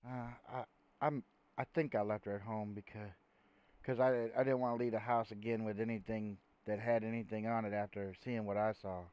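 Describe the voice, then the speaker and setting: A man's voice: on the low side, flat delivery, fairly quick, smooth, dry recording. A man in a roleplay game making wisecracking, jokey asides, heard through a dull, lo-fi microphone. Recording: dull dry lo-fi mic.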